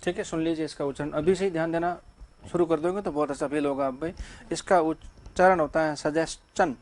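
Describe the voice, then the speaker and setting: A man's voice: on the high side, steady tone, quick pace. A man teaching English grammar to a class. He keeps asking the students questions and then answers them himself.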